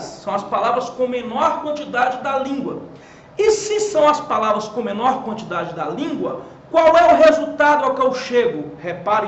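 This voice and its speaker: A man with a Brazilian accent teaching a lively grammar lesson at a whiteboard. He asks questions and answers them himself, and stresses key words. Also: very high-pitched, roomy sound, dull audio, a little hiss or hum. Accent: Brazilian Portuguese. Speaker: Portuguese teacher.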